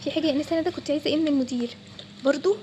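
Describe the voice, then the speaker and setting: A woman's voice: sits high, very fast, background noise, natural voice. A woman with an Egyptian Arabic accent voicing a nosy male office colleague who keeps asking questions. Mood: prying. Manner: prying, questioning.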